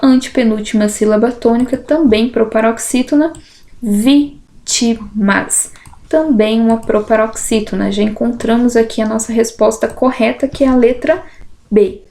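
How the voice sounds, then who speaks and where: A woman teacher with a somewhat high but mellow, dark-toned voice. She goes through exam questions step by step. She breaks words into syllables and keeps checking in with the listener. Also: normal speed, gravelly. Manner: syllable-by-syllable explanation, uses diminutives and "né".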